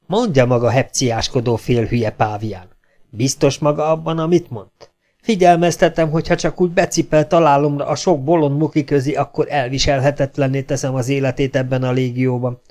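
A man reading an audiobook, voicing a gruff, grumbling legion sergeant who blusters and threatens. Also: mid-range voice, fairly even intonation, a little mellow, natural voice.

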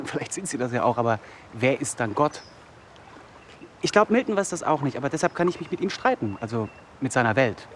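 In a naturalistic radio drama, a male actor plays a vulnerable, brooding young outcast, speaking earnestly in a halting, searching way. His natural, mid-range voice is sing-song, with slight background noise.

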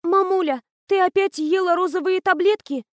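A woman voicing a sly teenage girl who feigns sweet innocence, speaking in a high, wheedling, falsely timid way. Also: moderate pace, no echo. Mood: mock concern.

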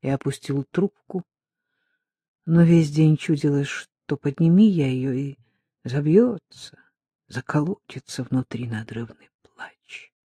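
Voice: medium pitch, slow, dark tone, husky, no echo. A reader narrating in the first person as a forty-year-old man, in a subdued and weary literary audiobook style.

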